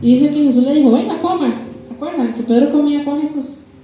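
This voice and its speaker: A woman's voice: sits high, fairly even intonation, fast talker, slight background noise. Impassioned woman preaching in an echoey church. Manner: impassioned, acts out dialogue between biblical figures. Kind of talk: sermon. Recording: echoey church hall with music. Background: soft music.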